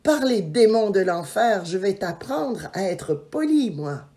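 A woman voicing a grumpy old witch who speaks in a loud, grating, threatening way, in a storybook reading. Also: medium pitch, animated, takes it slowly. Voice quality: screechy, grating voice.

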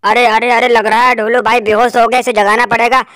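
A woman's voice: a little high, little pitch movement, brisk, a bit bright, smooth, dry recording, clean studio sound, close to an everyday voice. Woman doing a cheerful male friend.

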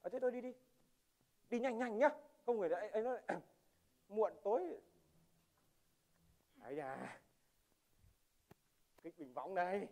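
A man's voice: high voice, lively intonation, unhurried, long pauses, a little mellow. A man playing a thrifty middle-aged migrant worker riding home as a passenger, rambling and stammering in a stage comedy sketch.

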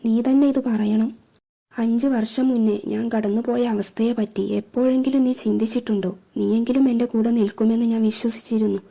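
A woman's voice: on the high side, steady tone, normal speed, creaky. A woman voicing a hurt, bitter young woman with a curt, scornful manner. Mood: furious. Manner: curt, scornful, flares into shouting.

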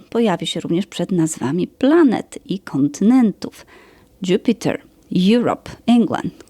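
A woman teaching English grammar in a podcast, slowly explaining rules and listing examples. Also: fairly low pitch, dark tone, slightly rough, no room sound. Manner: slow, careful explaining with example lists.

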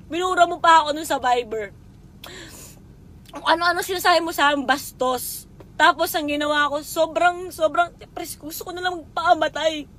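A woman's voice: extremely high pitch, a bit bright. A young woman speaking on a live stream, tearful and swearing, heated and emotional. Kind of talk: emotional Facebook live confession. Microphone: phone.

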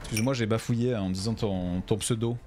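A man's voice: fairly low pitch, fairly even intonation, fast, over music. A tired man streaming a game from home, chatting with his viewers and tripping over his words. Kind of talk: casual gameplay commentary.

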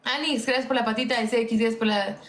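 High-voiced Mexican woman streamer, echoey room. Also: fairly even intonation, quick pace. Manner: candid and venting, coaxing viewers for gifts. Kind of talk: casual livestream chat.

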